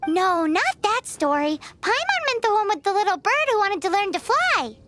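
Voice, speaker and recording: A woman voicing a tiny, cheeky fairy-like companion in a video game, sassy and quick to tease. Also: very high voice, big pitch swings, fairly bright tone, a little hiss or hum, exaggerated voice. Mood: teasing. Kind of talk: game voice acting. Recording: game audio with music behind.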